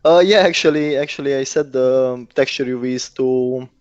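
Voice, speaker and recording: A man's voice: medium pitch, normal speed, a little mellow, dry recording. A man giving casual, hesitant technical explanations as a guest developer. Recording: dull lo-fi close dry audio.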